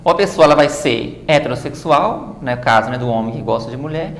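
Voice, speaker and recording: A woman's voice: rumbling low, fairly quick, roomy sound. A woman guest in a TV studio interview, explaining at length and often adding "né" tags. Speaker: guest author and activist.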